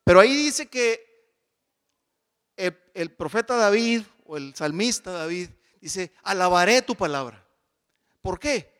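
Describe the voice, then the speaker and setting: Guy with a pretty high voice teaching bible study, slow and patient, keeps asking if everyone's following. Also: animated, fairly bright tone, smooth. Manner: explains patiently, often checking in with the audience.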